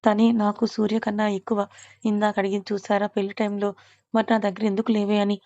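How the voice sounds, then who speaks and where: A woman's voice: medium pitch, completely flat delivery, quick pace, dark tone, dry recording, dull audio, lightly acted. A woman voicing a tearful young woman torn between her sister and her love, pleading and choked.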